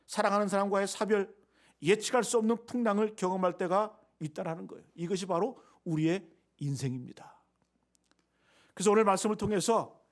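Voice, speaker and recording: A pastor delivering a Sunday sermon in a fairly high voice. He preaches emphatically and keeps turning to the congregation with rhetorical questions. His volume swings between loud stresses and near-whispered asides.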